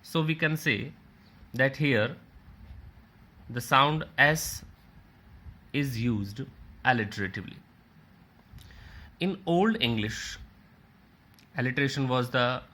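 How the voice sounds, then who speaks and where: A man's voice: medium pitch, expressive, slow pace, long pauses, pushed and bright. A man giving a recorded literature lecture, explaining terms by restating and rephrasing them and walking through examples shown on a slide.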